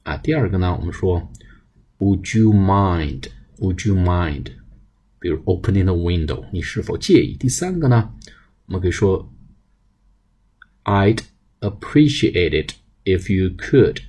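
A man with a Chinese accent teaching an English lesson, mixing Mandarin explanations with slow, spelled-out English example phrases. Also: sits low, expressive, a little mellow, husky.

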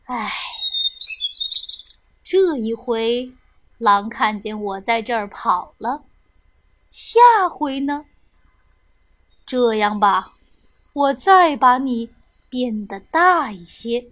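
A woman voicing a kindly old magic grandfather in a children's story, speaking slowly and calmly. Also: a little high, pitched below the performer's own voice, full character voice. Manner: slow, calm, chuckling.

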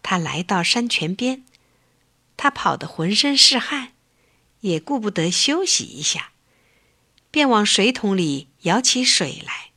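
A woman telling a children's story slowly and gently, with a bright, clear voice. Her delivery is expressive and full of lilt. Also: mid-range voice.

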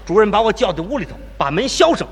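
A man performing live crosstalk comedy as the lead teller, boastful and sly in his quick patter. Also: high-pitched, sing-song, slightly rough. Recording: live stage recording in a hall.

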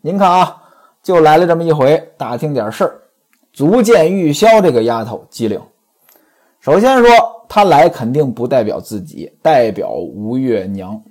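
A man's voice: a little high, lively intonation, normal speed, a little mellow, slightly rough. A man retelling and commenting on a classic novel in a chatty way, often turning to speak straight to his listeners. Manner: chatty, addresses listeners directly. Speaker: storyteller and commentator.

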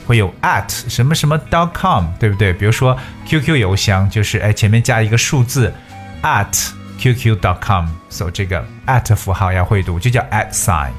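Male host teaching English to Chinese listeners, deepish voice, spells words out letter by letter, faint music underneath. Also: animated, normal speed.

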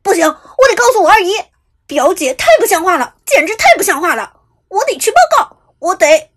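A woman voicing a brash, hot-headed young man who shouts and rants hysterically in an audiobook. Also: high voice, sing-song, fast talker.

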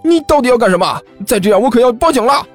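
A man voicing a cheeky male student who loudly plays innocent and protests. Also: sits high, huge pitch swings, moderate pace, soft background music, voice pushed up, exaggerated voice. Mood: indignant.

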